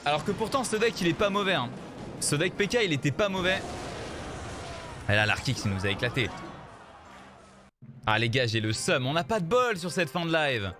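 A man's voice: on the high side, normal speed, pauses often. A man giving casual, joking live commentary on his card game matches and talking straight to his viewers. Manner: animated, joking, repeats himself, addresses viewers as "les gars". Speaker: streamer playing a mobile card game. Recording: game music playing faintly behind.

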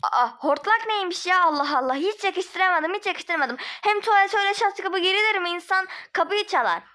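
A woman doing a shrill, indignant young woman. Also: expressive, brisk, sharp tone, exaggerated voice. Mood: indignant scolding. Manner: shrill, scolding, exasperated.

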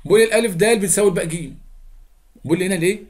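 A man's voice: high-pitched, very fast, darkish tone. A young man with an Egyptian Arabic accent teaching a geometry lesson, chatty, repeating steps and quizzing his students. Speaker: math teacher.

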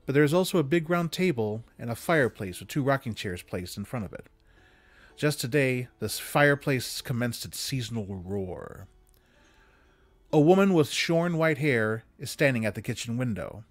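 Seated close to a desk condenser mic in a small room lined with bookshelves, a man reads classic holiday stories aloud with measured, dramatic, expressive emphasis. His voice is medium-pitched, the recording dry, with music in the background.

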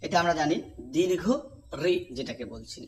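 A man teaching a pronunciation lesson, repeating each vowel sound slowly and asking the class to say it back. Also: fairly high pitch, expressive. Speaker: Sanskrit teacher.

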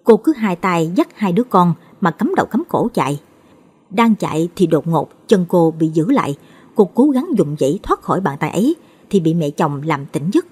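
A woman narrates a ghost story in a low, slightly husky voice. Her pitch moves a lot as she tells it. She shifts her pitch to voice each character's lines. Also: sing-song, moderate pace, a little mellow.

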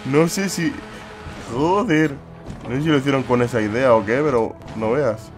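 Excitable young gamer. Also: male voice, medium pitch, normal speed, faint music behind. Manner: excitable, swears and exclaims often. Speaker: gaming YouTuber. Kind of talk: let's play commentary.

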